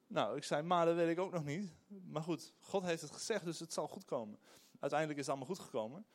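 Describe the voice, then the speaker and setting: A middle-aged man, a pastor, preaching a sermon in an animated, emphatic way with frequent hesitations. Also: a little high, fast.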